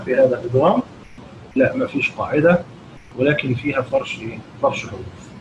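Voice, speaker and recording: A man with an Egyptian Arabic accent teaching Quran recitation rules, asking his students rhetorical questions and answering them himself. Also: medium pitch. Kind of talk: explanatory lesson with chanted recitation examples. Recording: dull lo-fi recording with noticeable background noise.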